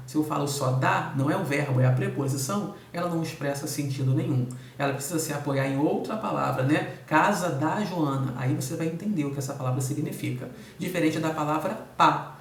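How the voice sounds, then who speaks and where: A Brazilian man teaching a recorded lesson, explaining each point in order and checking in with the class after each one. His voice sits a little high for a man. The sound is roomy and he is heard from a distance, with faint noise underneath. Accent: Brazilian Portuguese. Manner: explains step by step, keeps checking in with "tudo bem?" and "tá?". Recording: echoey room, voice off-mic.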